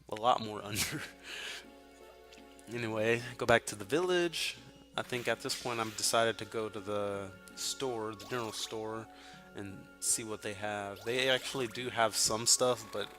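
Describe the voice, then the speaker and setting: A man's voice: mid-range voice, bright, forceful tone. A man from Texas giving casual, rambling commentary while playing a video game. He swears freely and fills his talk with ums and uhs. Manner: rambling and profane, with many fillers. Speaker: let's play host. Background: game music.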